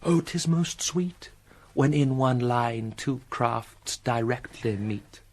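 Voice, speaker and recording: An actor playing Hamlet, a bitter, sardonic prince feigning madness, with a British accent and a mocking classical radio drama delivery. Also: male voice, medium pitch, takes it slowly, darkish tone. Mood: gleeful scheming. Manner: mercurial, mocking, theatrical delivery.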